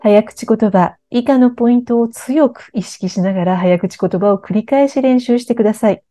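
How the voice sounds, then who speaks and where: A woman narrating a scripted lesson on articulation and intonation, explaining clearly and evenly. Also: a little high, normal speed, faint music behind. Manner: clear, even-paced explanation. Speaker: speech coach.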